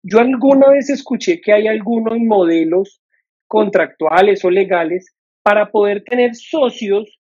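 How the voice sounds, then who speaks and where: A woman's voice: medium pitch, unhurried, a little mellow, breathy edge. A woman hosting an interview who affirms and sums up the guest's points, then gives advice of her own. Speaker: host. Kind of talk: interview conversation. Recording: dull muffled audio.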